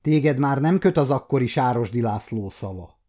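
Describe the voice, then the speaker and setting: A man in his fifties voicing an excitable, quick-tempered young male nobleman who raises his voice when stirred. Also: medium pitch, natural voice. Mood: indignant. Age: 50s.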